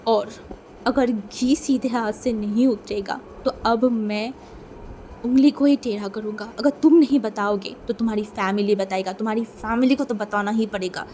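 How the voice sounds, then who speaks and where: A woman doing a possessive young man in a fan storybook, in a slightly high, mellow voice. He presses hard with questions and stumbles through apologies. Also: fairly even intonation, moderate pace, slight background noise, lightly acted. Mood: threatening. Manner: stern questioning, stammering apologies.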